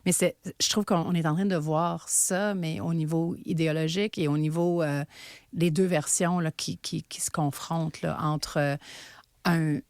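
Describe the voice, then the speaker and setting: Québécoise journalist guest, middle-aged, lowish voice, dry close sound, earnest and measured. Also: female voice, steady tone, a little mellow, dry recording. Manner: earnest and thoughtful, many fillers. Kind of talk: conversational interview.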